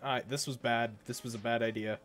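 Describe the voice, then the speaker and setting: A man's voice: medium pitch, steady tone, brisk, fairly bright tone, soft background music. A man streaming a game while sick, groaning and poking fun at himself in casual chat. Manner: groaning, self-mocking complaints.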